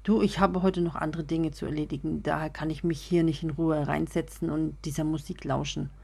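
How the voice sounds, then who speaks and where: A woman's voice: low-pitched, steady tone, brisk, gravelly, a little mellow, breathy edge, heavily acted. A woman reading a story aloud, voicing a hungry, irritable young woman who answers curtly. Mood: irritated. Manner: snappish, curt. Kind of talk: audiobook reading.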